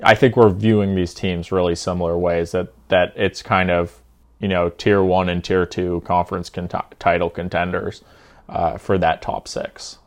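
A man's voice: deep voice, level tone, normal speed. A young man co-hosting a podcast, talking through college football rankings in a thoughtful, hedging way, often restarting his sentences. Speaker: podcast co-host. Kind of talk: casual sports betting chat.

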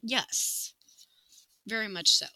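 Woman, 40s, podcast co-host; playful and giggly, very bright tone, dry close recording. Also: mid-range voice, no echo, poor audio. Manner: giggly, playful, quick to laugh. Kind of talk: casual chat.

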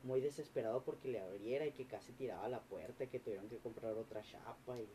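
A man, a podcast guest telling a story in animated, slangy, swearing casual chat. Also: mid-range voice, fast, a little hiss or hum.

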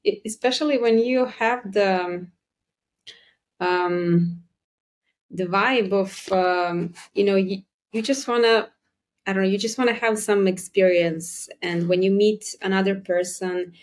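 A woman's voice: mid-range voice, measured pace, slight background noise. A woman from Serbia with a Serbian accent, chatting casually as a podcast guest. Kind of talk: casual conversation.

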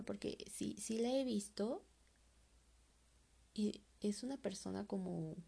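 A woman's voice: mid-range voice, gravelly, dark tone, slightly rough. A woman telling a personal horror story in a loose, conversational way, full of fillers.

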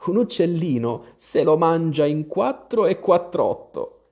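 An earnest young girl, as a man puts her on, eager to help and quick to apologize. Her voice is lifted higher and pleads a little, with a lively swing.

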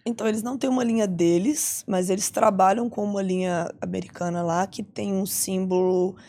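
A woman from Brazil talks fast in casual podcast chat, with a gravelly edge to her voice. She is relaxed and easygoing and drops the filler "uai" as she answers. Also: mid-range voice. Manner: quick and relaxed, says "uai". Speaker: podcast guest, UFC fighter.

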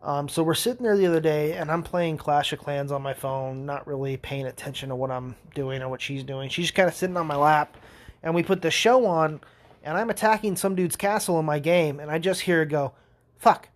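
This young podcast host talks briskly in a slightly high voice, spinning meandering stories on his own in a casual way. He swears a lot and keeps laughing as he goes.

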